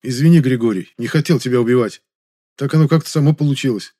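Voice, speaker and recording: A man's voice: medium pitch, quick pace, mellow, pitched above the performer's own voice, natural voice. A man voicing a guilty, fussy stage actor who speaks eagerly and theatrically in an audiobook story.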